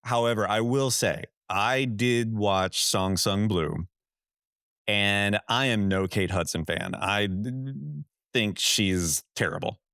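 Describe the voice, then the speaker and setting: A man's voice: lowish voice, slow, fairly bright tone, clean tone, dry recording, studio quality. A man co-hosting a casual film podcast. He gives blunt, opinionated takes and swears freely. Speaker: podcast co-host.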